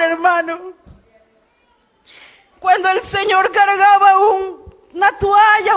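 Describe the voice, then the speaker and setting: Fervent woman shouting her testimony slowly. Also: very high voice. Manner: shouting, fervent, tearful pleading. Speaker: testimony preacher. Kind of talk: impassioned spoken testimony.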